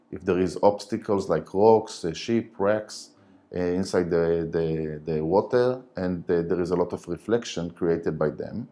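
A man in his forties, not a native English speaker, explaining technical matters haltingly in a studio interview on a lapel mic. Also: sits low, mellow. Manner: halting, hesitant phrasing. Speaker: interview guest, company director.

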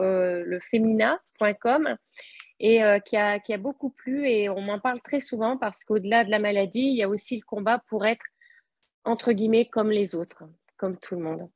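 A woman's voice: on the high side, dry recording. A woman from southern France introduces and reads her own autobiographical novel, earnest and a little hesitant between passages. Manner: earnest, with hesitant fillers when speaking freely. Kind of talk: introduction then literary reading.

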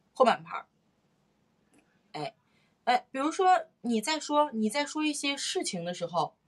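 A woman's voice: medium pitch, slightly rough. A middle-aged woman vocal teacher giving a live-streamed singing lesson, repeating phrases and sounding out rhythms. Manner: lively, repeats phrases, sings and claps out rhythms.

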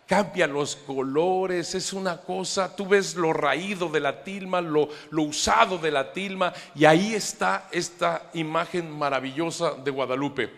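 A middle-aged man, a priest, telling a story to a live audience in an animated, emphatic way with joking asides. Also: on the high side, measured pace, creaky, hardly any pauses. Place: large hall with an audience. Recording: echoey hall.

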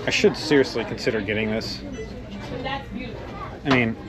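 Browsing an indoor retail outlet store, a male podcast host gives casual walkthrough commentary, chatting and calling out prices. He speaks at a moderate pace in a lowish voice, heard over a noisy crowd and loud store music.

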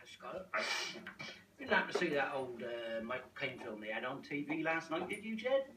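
A man's voice: mid-range voice, big pitch swings, normal speed, sharp tone, echoey room, recorded from a distance. An actor playing an older male TV presenter who keeps breaking off mid-sentence with hacking coughs. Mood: jovial. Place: restaurant table.

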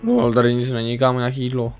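A man's voice: mid-range voice, faint music behind. Young man gaming on a dull lo-fi mic. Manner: relaxed, calls out tactics, says dude a lot. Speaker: gamer. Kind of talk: casual gaming chat.

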